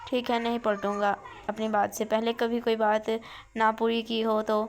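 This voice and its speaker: A woman's voice: a little high, monotone, moderate pace, slight background noise, close to an everyday voice. A woman voicing a confident young male doctor in a read-aloud novel, speaking in a firm, assured way.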